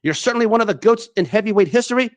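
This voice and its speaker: A man's voice: sits high, animated, rapid-fire. A man hosting a sports talk show, delivering an enthusiastic commentary monologue with frequent restarts and fillers.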